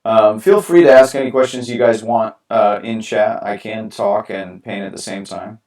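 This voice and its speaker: Low-voiced man chatting while painting, roomy. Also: normal speed, distant mic. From New York, USA. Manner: relaxed, rambling, many fillers and restarts. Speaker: artist streaming live. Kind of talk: casual live-stream painting talk. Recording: roomy sound from away from the mic.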